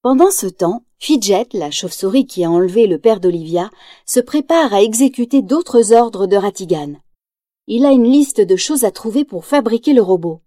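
A woman narrating a children's storybook aloud, lively and expressive. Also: fairly high pitch, no room sound, clean studio sound. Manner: lively, acts out quotes in raised voice.

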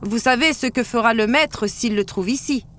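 A woman's voice: on the high side, moderate pace, fairly bright tone, slight background noise, natural voice. A woman doing a fussy scolding talking clock. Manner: protesting, scolding. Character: fussy male talking clock, stern rule-keeper. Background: background music.

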